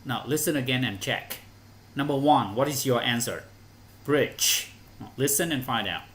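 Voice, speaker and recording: A man's voice: medium pitch, normal speed, fairly bright tone. A male English teacher, explaining answers step by step to children in an online lesson.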